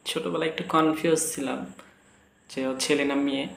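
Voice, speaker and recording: Cheeky deadpan man, echoey room. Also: fairly high pitch, normal speed, vocal fry, slight background noise. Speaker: father in comedy sketch. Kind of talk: comic sketch acting. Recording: echoey room with faint ambience.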